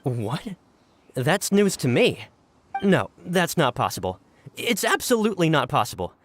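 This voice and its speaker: A man's voice: a little high, very animated, a little slow. An actor playing an earnest, deferential and flustered young male subordinate in a video game. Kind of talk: scripted video game dialogue. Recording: game music under the voice.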